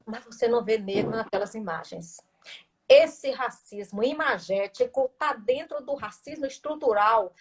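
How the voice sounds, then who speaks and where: A woman teacher talks through her points in a relaxed interview. Her voice sits a bit high, and she presses each idea with rhetorical questions and a habitual "right?". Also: normal speed, slightly rough. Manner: emphatic, uses rhetorical questions and tag questions. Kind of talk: conversational explanation.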